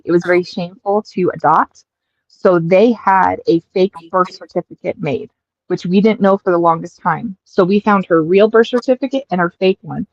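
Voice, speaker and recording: An American woman in her thirties, chatting casually on a stream and telling childhood stories with animated, acted-out quotes. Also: lowish voice, no echo. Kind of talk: casual storytelling chat. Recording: dull lo-fi dry mic.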